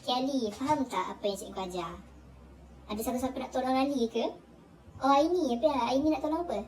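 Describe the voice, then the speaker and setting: A woman's voice: high voice, fast talker, a little mellow, distant mic, voice pushed up, close to an everyday voice. A woman voicing a cheery female teacher who coaxes young pupils in a sing-song voice that rises and falls. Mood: coaxing.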